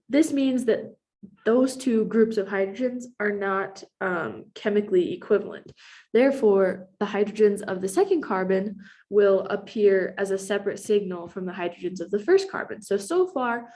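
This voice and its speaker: A woman's voice: mid-range voice, a little mellow. A young adult woman who has a cold, giving a recorded class presentation as a chemistry student, explaining steadily with frequent ums.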